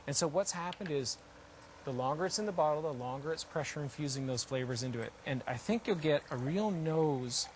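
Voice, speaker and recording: A man's voice: on the high side, lively intonation, brisk, slight background noise. A man demonstrating his own invention live, explaining it step by step with emphatic repetition. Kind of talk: unscripted live product demonstration.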